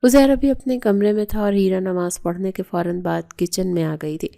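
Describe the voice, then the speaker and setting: A woman narrates a romantic novel as a bedtime story. Her voice is mellow and warm, and she reads at a steady, even storytelling pace. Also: medium pitch, creaky. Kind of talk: novel reading.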